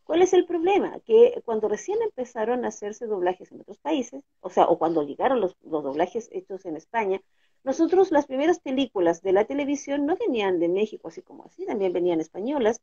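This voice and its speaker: A Chilean woman with a husky, mellow voice speaks in an interview, her pitch rising and falling a lot as she explains. She keeps checking in with her listener with short questions. The audio sounds dull and lo-fi. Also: sing-song, brisk. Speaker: guest, dubbing actress and teacher.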